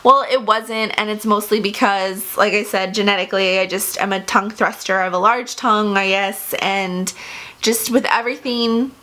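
A woman's voice: medium pitch, steady tone, normal speed, pushed and bright. A young woman chatting casually to her camera in a storytime vlog, speaking with braces on and using many "like" fillers. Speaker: vlogger.

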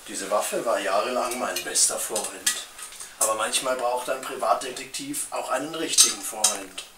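A man's voice: mid-range voice, moderate pace, natural voice. Man acting a melodramatic paranoid detective, echoey room. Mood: brooding, confiding. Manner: melodramatic, bellowing outbursts. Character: paranoid, gun-loving private detective on the run. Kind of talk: amateur film noir acting. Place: living room, indoors. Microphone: camera mic at a distance. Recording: echoey room, distant mic, noisy.

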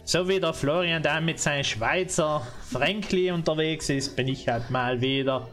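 Indoors on a headset, a man in his thirties streams a game and chats casually with his viewers, rambling, joking and laughing often. His voice is fairly high and fairly bright, at a normal speed, with soft music in the background.

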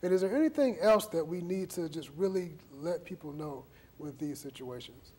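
A man in his thirties hosts a studio interview, speaking into a lapel mic. His voice sits a little high, and he talks in a conversational way, echoing and summarizing what his guests say. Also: lively intonation, normal speed, dark tone, a little hiss or hum. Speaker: TV talk show host. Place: TV studio set.

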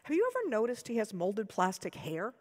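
A woman's voice: medium pitch, big pitch swings, fairly quick, darkish tone. An American woman reading aloud gives voice to a sweet, vain, gossipy doll in a sugary, confiding manner. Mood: dismissive. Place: lecture hall. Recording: long hall reverb.

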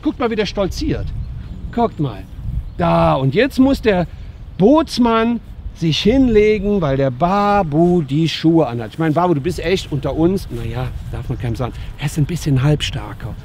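Outdoors, a dog trainer with a fairly high voice gives lively, casual commentary, talking both to the dogs and to his viewers. There's slight background noise.

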